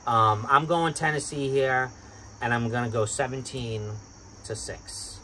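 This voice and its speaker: A man with a Boston accent, co-hosting a casual sports chat and getting excitable about his picks. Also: measured pace, slight background noise. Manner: excitable, bursts up in pitch when hyped. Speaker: sports podcast co-host.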